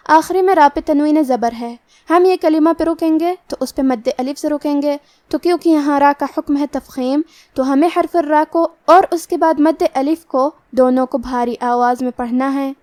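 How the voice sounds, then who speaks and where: High-voiced woman teaching tajweed. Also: a little mellow. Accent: Pakistani Urdu. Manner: methodical, explains each rule then recites slowly. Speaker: Quran recitation teacher. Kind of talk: tajweed lesson with slow recitation.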